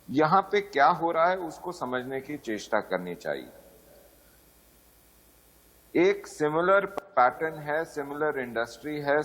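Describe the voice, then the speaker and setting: A man arguing his point as a panelist on a remote link, in a measured, formal way. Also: on the high side, fairly bright tone, poor audio. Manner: measured, formal, deliberate delivery. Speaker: political panelist. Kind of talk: debate argument. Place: remote call-in.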